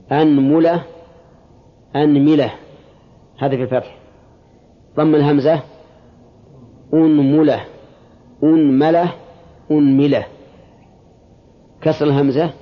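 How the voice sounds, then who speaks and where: A man's voice: on the high side, dull audio. A man teaching a religious classroom lesson, explaining step by step and asking his students short questions.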